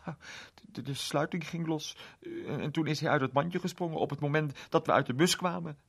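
A man's voice: a little high, steady tone, a little fast, creaky, breathy edge, voice pushed up. A man voicing a timid young girl anxiously begging for help with her frightened cat. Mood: pleading. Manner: anxious, beseeching.

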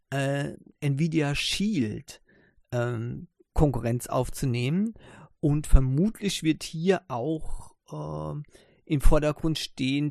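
A man's voice: a little high, vocal fry, darkish tone, dry recording, clean studio sound. A man hosting a casual tech news podcast, talking with many hesitant fillers. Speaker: podcast host.

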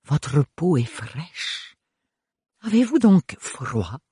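A man voicing an elegant aristocratic woman who speaks slowly in a purring, refined way. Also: fairly high pitch, very animated, mellow, slightly rough, no echo, studio quality, pitched above the performer's own voice, full character voice. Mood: gracious.

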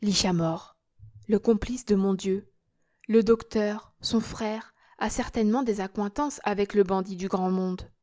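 A woman reads a classic novel aloud in a steady, measured way. Her voice is warm and mellow, and the recording is close and completely dry. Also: mid-range voice, dry recording. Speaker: audiobook narrator. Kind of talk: scripted narration of a classic novel.

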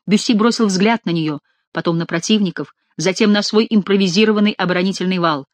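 A woman narrating a dramatic adventure novel as an audiobook reader, with expressive storytelling. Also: mid-range voice, fairly quick, no room sound.

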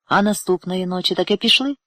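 A man voicing a stern but fair male judge questioning a witness in measured tones. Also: sits high, sharp tone, no room sound, studio quality, pitched above the performer's own voice.

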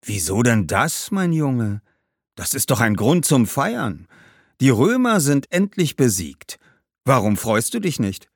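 A man doing a slow, booming old warrior ghost. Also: very animated, no echo, studio quality, full character voice. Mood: gleeful. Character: boastful ghost of an old male warrior ancestor.

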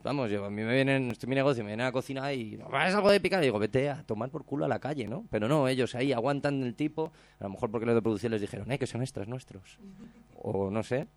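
A man hosting a casual radio chat show, retelling a story with lots of swearing and loud acted-out quotes. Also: mid-range voice, quick pace, no room sound. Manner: animated storyteller, swears freely, acts out quotes loudly. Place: radio studio.

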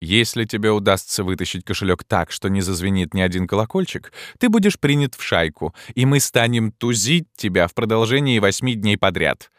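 A man's voice: lowish voice, animated, fairly quick, few pauses, dry recording, studio quality, natural voice. A man doing a scornful vagabond king. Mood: commanding. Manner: commanding, scornful. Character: mocking bossy male king of vagabonds.

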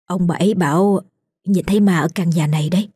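A woman voicing a worried middle-aged mother who gossips in a hushed tone about ghosts and fusses over her daughter. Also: on the low side, a little fast, slightly rough, no echo, clean studio sound. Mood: confiding. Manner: hushed and confiding, then urgent.

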